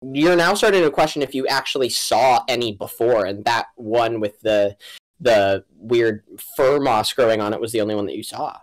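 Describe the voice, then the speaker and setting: A woman narrating a tabletop game as game master, casual and halting as she thinks aloud. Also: extremely low pitch, low-quality recording.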